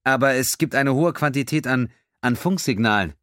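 A man's voice: medium pitch, normal speed, a bit bright, dry recording, studio quality, pitched above the performer's own voice, natural voice. A man voicing a male alien communications officer relaying distress calls in an audiobook. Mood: urgent. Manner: careful, reporting.

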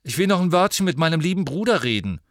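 A man voicing a fiery, sharp-tongued teenage girl who mocks and shouts in shrill, rapid outbursts. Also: very animated, no room sound, clean studio sound. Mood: defiant.

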